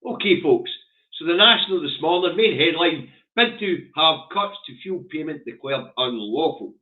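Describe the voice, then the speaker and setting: A man's voice: a little high, expressive, normal speed. A man with a broad Lanarkshire Scottish accent hosting a casual livestream, chatting and giving blunt, colloquial, sweary commentary on the news. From Scotland. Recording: thin, phone-like narrow-band sound.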